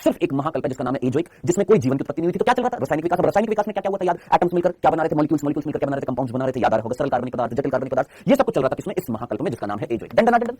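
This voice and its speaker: Fast, lively Hindi-speaking male teacher. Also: fairly high pitch, slightly rough, no room sound. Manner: quizzing students with constant rhetorical questions. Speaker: online biology teacher. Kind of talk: live online class lecture.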